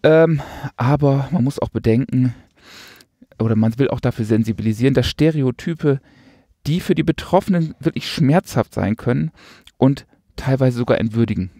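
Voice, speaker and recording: Gravelly, sarcastic man on a podcast. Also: mid-range voice, moderate pace, mellow, no room sound, studio quality. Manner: sarcastic, rambling with many fillers. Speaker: podcast co-host. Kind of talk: casual chat.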